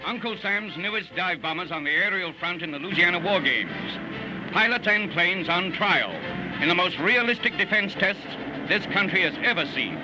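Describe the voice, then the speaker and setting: A man narrating an old 1940s newsreel with brisk, emphatic announcing. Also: sits high, animated, lo-fi sound. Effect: old newsreel soundtrack. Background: loud music.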